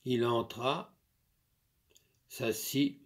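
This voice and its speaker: A man narrating a literary story in a measured, expressive reading. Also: medium pitch.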